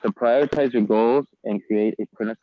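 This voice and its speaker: A man giving an online financial seminar, his audio crackling and cutting in and out as he talks with halting fillers. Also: mid-range voice. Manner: halting, with frequent fillers and restarts. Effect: crackling, cutting-out mic audio. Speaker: financial presenter. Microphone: earpiece headset on a video call. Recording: crackly dull video-call audio.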